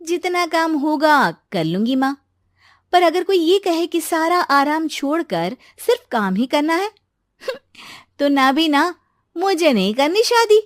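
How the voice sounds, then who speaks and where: A woman's voice: high-pitched, sing-song, slow pace, no echo, clean studio sound, pitched above the performer's own voice, full character voice. A woman voicing a carefree young college woman who chatters in a breezy, slangy way in a cartoon story.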